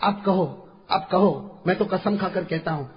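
A man preaching a sermon to a large gathering, dropping to a soft murmur and then rising to fervent shouts as he calls out to his listeners. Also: sits high, fairly even intonation. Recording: echoey hall, dull lo-fi sound.

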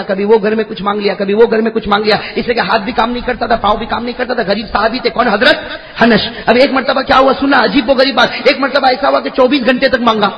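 A man preaching a storytelling sermon, repeating phrases, quizzing the audience and rising to shouts. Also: extremely high pitch, muffled recording, a little hiss or hum. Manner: repetitive, fires questions at the audience, swings into shouting. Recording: long hall reverb.

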